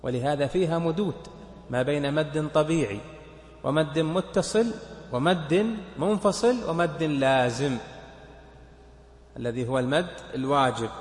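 A man, a sheikh, explaining a legal text to his students, counting points aloud and asking them questions. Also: a little high. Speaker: sheikh teaching a fiqh text. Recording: echoey hall with long reverb.

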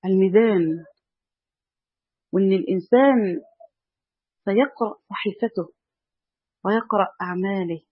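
A woman's voice: medium pitch, normal speed, long pauses, breathy edge, dry recording. Earnest Egyptian woman teaching religion. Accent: Egyptian Arabic. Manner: earnest preaching, stresses key words by rising. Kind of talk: religious lesson. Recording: dull, dry lo-fi recording.

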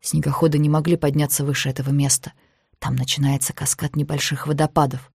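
A man's voice: fairly high pitch, level tone, quick pace, vocal fry, breathy edge, dry recording, studio quality. An audiobook narrator voicing a tense young man who whispers short, terse remarks while tracking armed men. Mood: hushed. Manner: hushed, terse. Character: tense young hunter leading a rescue.

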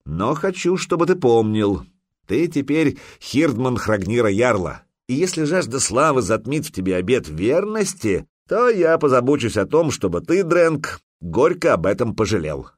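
A man's voice: mid-range voice, sing-song, normal speed, no echo, clean studio sound, voice pushed up. A man voicing a shrewd, stern veteran warrior who lectures a young recruit.

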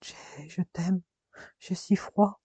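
A man voicing a dying young woman, speaking in a faint, hushed whisper. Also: a little high, level tone, unhurried, husky, no echo.

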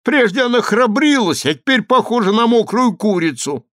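A cheeky young boy mocks his sisters with unshaken calm, played by a male reader. His voice is pitched high and bright above the reader's own, in a dry, close audiobook sound. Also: moderate pace, dry recording. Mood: mocking. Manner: mocking and calm.

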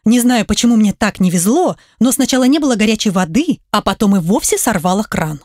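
A woman reading a first-person story aloud, lively and ironic. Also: mid-range voice, fairly quick, dry recording, clean studio sound. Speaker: audiobook reader. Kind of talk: scripted first-person narration.

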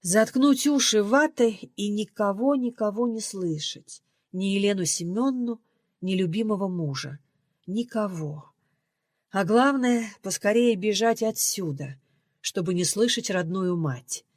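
A woman reading a novel aloud as audiobook narrator, in a measured storytelling delivery. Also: medium pitch, lively intonation, no echo. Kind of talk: scripted narration. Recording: dry close recording.

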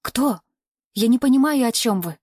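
A timid young woman, bewildered and uneasy, with her voice lifting a little higher. A woman narrator reads her in a dry audiobook recording. Her delivery is otherwise plain and unforced. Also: lively intonation, normal speed, darkish tone, breathy edge, no room sound. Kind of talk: audiobook character voice.

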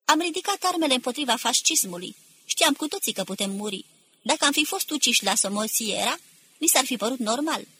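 A woman reading aloud, voicing a male militia commander who shouts slow, forceful orders to exhausted troops. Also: fairly high pitch, expressive, slight background noise. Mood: rousing, commanding.

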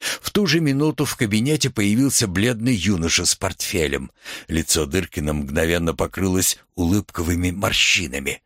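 Husky expressive male narrator. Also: low-pitched, normal speed, no echo, studio quality. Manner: expressive, theatrical. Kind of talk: audiobook reading of a story.

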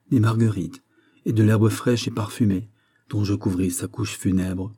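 A man narrating a classic story as an audiobook, in a measured, grave literary reading. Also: lowish voice, mellow, slightly rough. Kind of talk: scripted narration.

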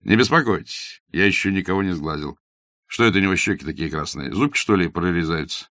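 A man's voice: sits low, fairly quick, bright, forceful tone, no room sound, studio quality. A man voicing a blunt young doctor who is curt, ironic and matter-of-fact in an audiobook. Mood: wry. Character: blunt young male doctor, mocking and self-assured.

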